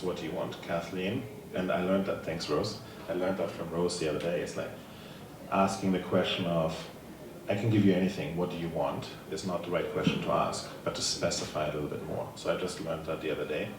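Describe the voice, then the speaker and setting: A German man with a German accent leads a table tennis program and gives a conference presentation in a conference room. His voice sits low and steady, moving fairly quickly as he tells stories casually and upbeat and answers questions. The recording is echoey, distant, and noisy.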